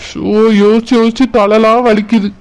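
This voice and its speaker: A gentle, confused young man who has lost his memory, voiced by a man in a cartoon. His voice is high and smooth, with a Kanyakumari Tamil accent, and he muses softly aloud. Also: little pitch movement, moderate pace. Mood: puzzled. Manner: soft, pleading, musing aloud. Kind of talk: cartoon voice acting.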